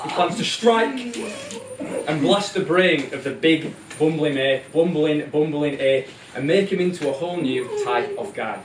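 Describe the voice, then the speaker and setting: At a live puppet show in a room with music playing, a man narrates in an irreverent, informal style, ad-libbing his comedic story. His voice is a little high, expressive and unhurried. The recording is roomy and distant, with loud music and a noisy background.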